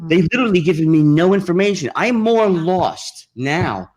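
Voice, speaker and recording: A man's voice: sits high, animated, moderate pace, a little mellow. A man hosting a comedy podcast, talking in a rambling, opinionated way, swearing freely as he goes. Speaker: podcast host. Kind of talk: casual chat.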